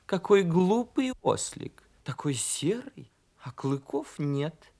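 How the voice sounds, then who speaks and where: A man voicing a kindly meddling female star in a storybook reading, soft and wondering. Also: fairly high pitch, very animated, slow pace, gravelly, heavily acted.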